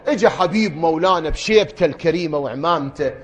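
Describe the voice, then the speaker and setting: A man's voice: on the high side, fast. A man with an Iraqi accent preaching a mourning sermon, telling the story dramatically and rising into chanted recitation. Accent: Iraqi Arabic. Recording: echoey room.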